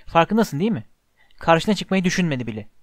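A know-it-all schoolgirl voiced by a man scolds in a breathless, reproachful way. The voice is a little high. The sound is dry and close, as in a storybook reading. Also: very animated, brisk, no room sound. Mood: scolding.

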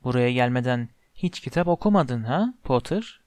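A cold, scornful potions master speaks low and quiet, each word laced with contempt, as a male audiobook narrator puts him on. The voice sits well below the reader's own pitch and comes through dry and close, with no room around it. His drawl is slow and menacing in this storybook reading. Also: expressive, dry recording, lightly acted. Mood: mocking.

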